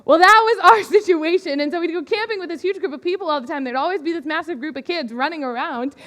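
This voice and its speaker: High-voiced young woman in a hall. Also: fast talker. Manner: chatty, animated, laughs often. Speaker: youth ministry speaker. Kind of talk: youth talk with personal story. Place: church hall. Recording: reverberant hall.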